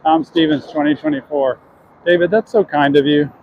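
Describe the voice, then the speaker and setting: A man's voice: fairly high pitch, steady tone, normal speed, dull audio, a little hiss or hum. A man chatting earnestly to his viewers while walking down city streets, answering questions from chat.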